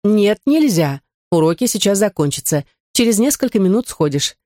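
A woman voicing a stern, irritable female kindergarten teacher who scolds sharply and turns shrill. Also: sing-song, normal speed, mellow, no room sound, studio quality, natural voice. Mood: scolding.

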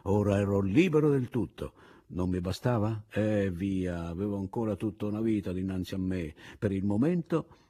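Husky-voiced man narrating a novel. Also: fairly low pitch. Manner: expressive, measured first-person storytelling. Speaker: audiobook narrator. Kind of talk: literary audiobook narration.

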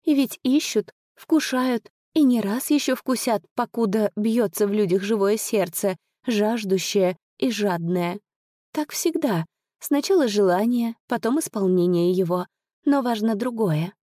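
A woman's voice: mid-range voice, unhurried, mellow, no room sound, studio quality, lightly acted. A woman voicing a wry, worldly lady who speaks in a knowing, lilting way in a storybook reading.

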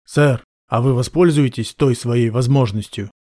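A man's voice: mid-range voice, unhurried, darkish tone, no echo, clean studio sound, lightly acted. Guy doing a chill short-spoken soldier, audiobook. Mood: calm. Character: calm reluctant male soldier gunner. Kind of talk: audiobook narration.

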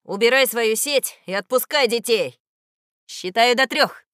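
A woman's voice: fairly high pitch, clean tone, no echo, clean studio sound. A woman voicing a wise, commanding old goose leader. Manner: commanding, loud and measured. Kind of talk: audiobook character voice.

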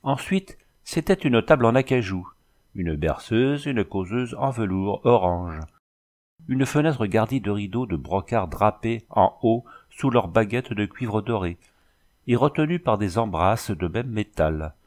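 Male audiobook narrator, lower pitch, measured and expressive. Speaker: audiobook reader. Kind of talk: scripted narration of a novel.

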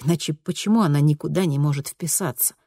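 Low-voiced woman narrating an audiobook. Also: fast, warm tone, slightly rough, no echo, studio quality. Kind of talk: scripted narration.

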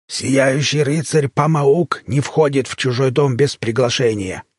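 Picture a crocodile henchman in a cheap suit, as a man reading a storybook puts him on, drawling every word slowly and flatly, with a husky, hoarse rasp. He sounds pompous and unmoved, as if nothing could hurry him. The recording is dry and close. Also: medium pitch, no room sound. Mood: deadpan. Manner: slow, deadpan, pompous. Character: hoarse stolid male crocodile gangster henchman.

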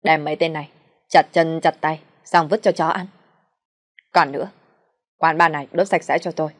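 A woman's voice: deep voice, steady tone, moderate pace. A woman reading an audiobook voices a cold, ruthless young male boss who gives icy commands. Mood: cold threat.

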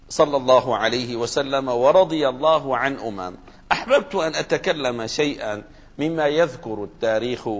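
A man giving a religious lesson on hadith commentary, explaining patiently and spelling out the vowels of names with care. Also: mid-range voice. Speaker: religious teacher. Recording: reverberant hall.

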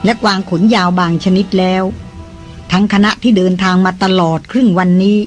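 An audiobook narrator giving a steady, measured scripted reading of a novel. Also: mid-range voice, faint music behind, low-quality recording.

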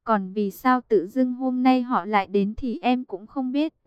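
A woman's voice: a little high, unhurried, smooth, no echo, muffled recording, natural voice. A woman reading an audiobook and voicing a cool, blunt young man with a curt, mocking way of talking.

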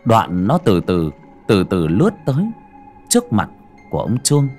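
A man's voice: huge pitch swings, normal speed, darkish tone, faint music behind. A man narrating a horror audiobook with dramatic, suspenseful delivery. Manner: dramatic, swinging pitch for suspense. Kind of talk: scripted horror story narration.

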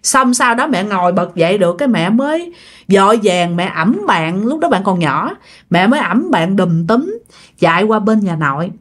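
A woman's voice: medium pitch, big pitch swings. A woman with a Southern Vietnamese accent, telling a ghost story in a chatty way and speaking straight to her listeners. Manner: chatty, talks straight to listeners with drawn-out particles. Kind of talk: casual storytelling narration.

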